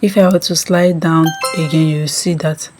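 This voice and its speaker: A woman's voice: deep voice, steady tone, moderate pace, music in the background. A woman hosting an app tutorial, explaining step by step with frequent ums. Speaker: tutorial host. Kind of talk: screen-recorded app tutorial.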